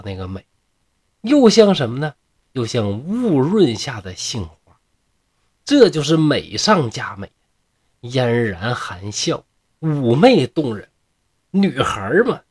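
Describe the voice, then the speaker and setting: A man's voice: medium pitch, breathy edge. A man with a Northeastern Chinese accent telling a classic tale in a humorous way, with chatty jokes and asides to the listeners. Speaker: storyteller.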